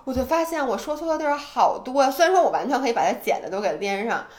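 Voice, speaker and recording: A woman co-hosting a podcast in casual chat, animated and self-deprecating, speaking with a tinge. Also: sits high, quick pace. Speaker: podcast co-host.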